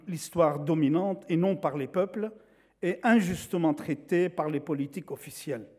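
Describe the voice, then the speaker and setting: A measured man with a mellow, slightly high voice gives a lecture-like talk. He comes from northeastern Syria and his first language is Syriac (Aramaic); his explanatory delivery repeats words as he searches for them.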